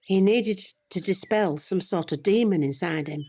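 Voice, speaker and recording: In this audio drama an older woman plays a British grandmother, loving and regretful, confiding her history in a measured, reflective manner. Her low-leaning voice is mellow and close to how she'd sound every day. Tension colors her remembering.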